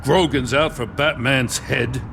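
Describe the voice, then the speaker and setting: An actor playing a weary, upright older police lieutenant in a video game, gruff, plain-spoken and troubled. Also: male voice, mid-range voice, unhurried, background noise. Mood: weary, frustrated.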